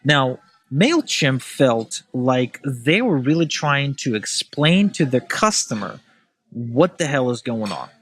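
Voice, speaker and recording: A man from Ukraine, a guest in a casual podcast conversation, talking in animated, opinionated bursts. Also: medium pitch, slow pace, slightly rough. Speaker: podcast guest, email marketer.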